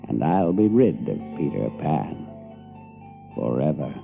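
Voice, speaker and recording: A man's voice: rumbling low, very animated, takes it slowly, creaky, dull audio, faint music behind, heavily acted. An actor playing a villainous pirate captain in an audiobook drama, gloating, sly and theatrical as he savors each menacing phrase.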